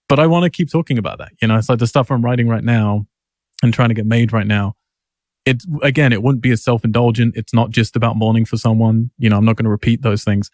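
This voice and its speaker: A man talks as a filmmaker guest in an interview, speaking quickly and with passion. His words tumble out in an animated rush. The sound is dry and close. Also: lowish voice, dry recording. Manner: rapid, passionate, animated musing.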